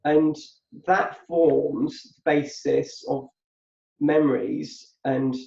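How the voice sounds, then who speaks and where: An adult man with a past business co-hosts a podcast, explaining things thoughtfully and repeating words as he thinks aloud in a reflective, conversational way. His voice is on the high side and warm, with fairly even intonation, drawn-out words and vocal fry. The room sounds muffled and echoey.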